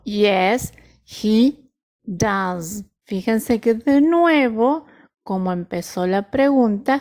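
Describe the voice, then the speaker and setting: A woman who speaks natively, teaching English grammar slowly and carefully as she models each English phrase clearly. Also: mid-range voice, a little mellow. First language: Spanish. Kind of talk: explaining grammar to students.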